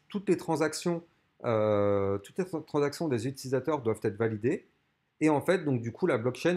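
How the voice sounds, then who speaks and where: A man of ordinary pitch talks through a screen-recorded tutorial, explaining each step informally. He sounds like a host chatting to his viewers from his own computer. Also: a little mellow. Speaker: channel host.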